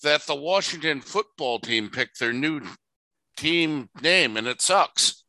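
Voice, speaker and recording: A man's voice: a little high, animated, slow pace, sharp tone, dry recording, low-quality recording. A man co-hosting a podcast in casual chat, crude and joking, laughing often. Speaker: podcast co-host.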